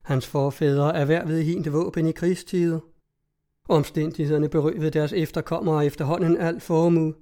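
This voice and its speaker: A man's voice: fairly high pitch, fairly even intonation, mellow, natural voice. A man reading the lines of a cheerful, witty young woman in a storybook, teasing and composed.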